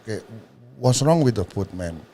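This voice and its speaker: A man from Indonesia with an Indonesian accent, a food truck owner and guest chatting casually in halting, often restarted English and laughing a lot. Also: lowish voice, big pitch swings, mellow. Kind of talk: casual chat.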